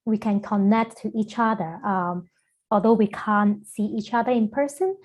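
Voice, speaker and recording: A middle-aged woman from Hong Kong, a guest lecturer, giving an online lecture over a video call in a measured way with frequent fillers. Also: mid-range voice, steady tone, a little mellow.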